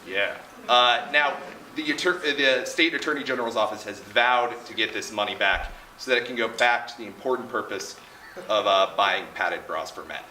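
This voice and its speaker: A man hosting a late-night show, delivering punchy monologue jokes to a live audience with deadpan repeats and asides. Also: mid-range voice, moderate pace. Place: large echoey room with live audience. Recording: echoey, very noisy room, distant mic.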